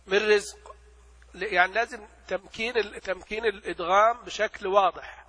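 A man with a high, bright voice gives a teaching lecture on a classical text. He poses questions and answers them himself, and drags out the worked examples slowly. The sound carries a long hall reverb. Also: fairly even intonation, breathy edge. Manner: explains by asking and answering his own questions, recites examples slowly. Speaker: religious teacher.

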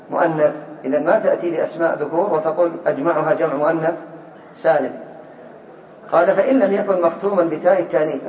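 A man teaching a class in a fairly high voice. He reads a text aloud slowly, then explains it and quizzes his students. The recording is dull and lo-fi, with a roomy echo. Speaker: teacher of Arabic morphology.

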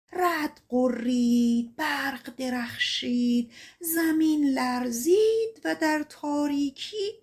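A woman narrating a folk tale audiobook in a colloquial, expressive storytelling manner. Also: high voice.

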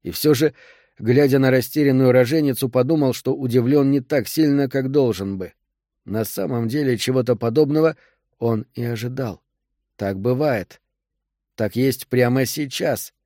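A man narrating a novel in a measured, steady storytelling voice. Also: medium pitch, no echo, studio quality. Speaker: audiobook narrator. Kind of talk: scripted narration.

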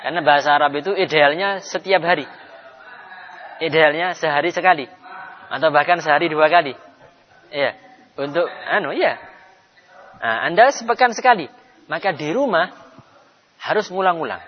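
A man teaching an Arabic class in a mosque, drawing out each word slowly for students to repeat. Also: a little high, a faint crowd. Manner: drills slowly, drawn-out Arabic words for repetition. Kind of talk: live mosque class lesson. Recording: dull sound, long reverb of a hall.

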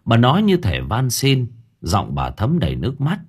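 A man narrating an audiobook story with dramatic, expressive delivery. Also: medium pitch, normal speed, husky.

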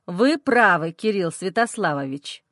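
A woman voicing a hostile, scornful young man in an audiobook, speaking lower and sneering. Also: expressive, unhurried, fairly bright tone, no echo, clean studio sound. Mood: cold. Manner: sneering, snappish.

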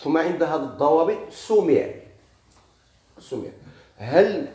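A man's voice: on the high side, sing-song, measured pace, dark tone. A man with a Moroccan Arabic accent teaching a grammar lesson, asking questions and answering them himself, repeating key words. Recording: echoey room with faint noise.

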